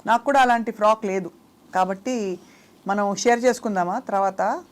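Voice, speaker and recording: A woman's voice: medium pitch, moderate pace. A young woman hosting an interview, coaxing and teasing a small child with short questions in a Telugu accent. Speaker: interview host.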